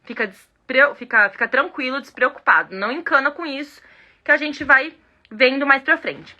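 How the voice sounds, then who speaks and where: A woman's voice: high voice, normal speed, sharp tone, dull audio. A Brazilian woman teaching English in a casual online lesson, playful and chatty, speaking straight to her viewers. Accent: Brazilian Portuguese.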